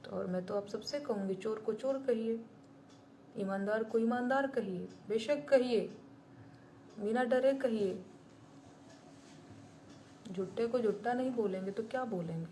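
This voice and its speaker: A woman's voice: on the high side, unhurried, long pauses, mellow, slight background noise. Emphatic woman defending herself to viewers. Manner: emphatic and indignant, repeating points for stress. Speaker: singer and songwriter. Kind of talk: casual live chat with viewers, answering comments.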